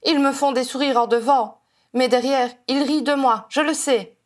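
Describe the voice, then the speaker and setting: Strident bitter wife lady, high shrill voice, accusing everyone, woman reader doing her. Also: expressive, normal speed.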